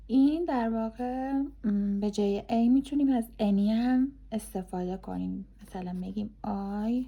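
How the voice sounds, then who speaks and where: A woman English teacher, explaining grammar casually and reading example sentences slowly and deliberately. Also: medium pitch, gravelly, highs cut off.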